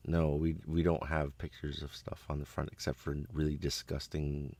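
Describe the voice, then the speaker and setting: A man's voice: a bass voice, flat delivery, moderate pace, creaky, a little mellow, no echo. A man from Canada in casual, profane chat, talking bluntly and rambling through his complaints.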